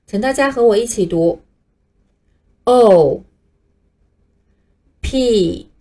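A woman's voice: a little high, animated, brisk, dark tone. Patient woman teaching English letters. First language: Chinese. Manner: patient, clear, modeling pronunciation for learners to repeat. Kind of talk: scripted teaching narration.

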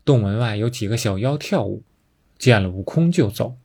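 沙哑声音的男说书人. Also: male voice, lowish voice, moderate pace, husky. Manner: expressive, dramatic storytelling. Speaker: storyteller. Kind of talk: classic novel narration.

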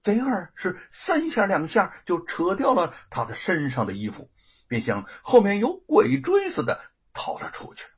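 Husky man narrating a dramatic story. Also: high-pitched, huge pitch swings, moderate pace. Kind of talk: serialized audiobook narration. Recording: dull lo-fi recording.

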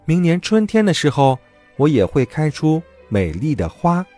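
A man's voice: on the high side, sing-song, moderate pace, mellow, faint music behind. A man voicing a tiny, sweet dandelion baby in a children's story. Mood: sweet, earnest.

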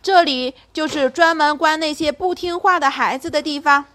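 A woman voicing a very old, half-deaf and sly male circus bear with a slow, drawling voice. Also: sits high, a bit bright, pitched above the performer's own voice. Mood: calm.

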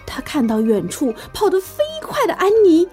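High, lively woman reading a children's story. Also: normal speed, faint music behind. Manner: animated, expressive, playful reading. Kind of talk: children's bedtime story narration.

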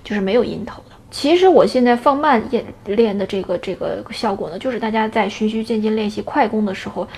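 A woman teaching an erhu lesson in a casual, step-by-step way, often checking in with a quick question. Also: medium pitch, a little mellow, breathy edge. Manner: explains step by step with tag questions.

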